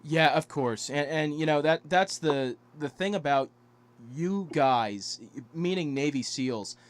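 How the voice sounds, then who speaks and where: A man's voice: fairly high pitch, slow pace. A man hosting an interview, asking long, hedging questions full of "you know". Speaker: interview host.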